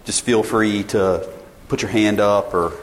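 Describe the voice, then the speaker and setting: This is an unhurried man in his forties with a fairly low voice, a sales director giving a casual presentation in a conference session room. He often polls his listeners and frequently starts sentences over. His tethered mic picks up the reverberant hall, faint ambience, and slight background noise.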